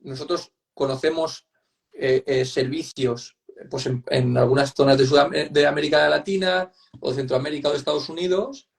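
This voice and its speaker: On the high side and creaky, this Spanish-accented man's voice stays steady at a moderate pace. Interviewed online as a psychotherapist, he explains emphatically and conversationally, repeats his points and seeks agreement with tag questions.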